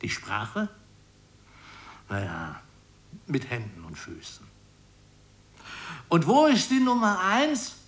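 A coarse, no-nonsense justice minister handles a phone call with blunt, matter-of-fact talk in a radio play. His voice sits at a middle pitch and moves in a lively way. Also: takes it slowly, long pauses, heavily acted. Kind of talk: 1990s radio play satire.

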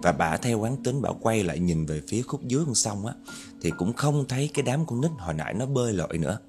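Lively storyteller man. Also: fairly low pitch, fast, soft background music. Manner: lively, dramatic, speaks to listeners directly. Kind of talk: ghost story narration.

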